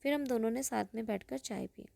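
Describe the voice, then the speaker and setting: Woman, story narration, even storytelling read, gravelly, dry close sound. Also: on the high side, brisk, no room sound. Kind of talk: first-person story narration.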